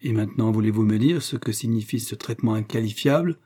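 A man playing a proud, sharp-tongued young gentleman. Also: on the low side, fast talker, husky. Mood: ironic. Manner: cutting, ironic.

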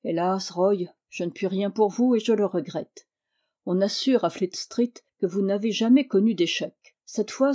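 A woman narrator gives a quick-witted male reporter, his storybook lines lifted slightly in pitch and pushed louder than the narration. The tone stays mellow and dark throughout. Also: natural voice. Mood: regretful. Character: male journalist, brisk and wry.

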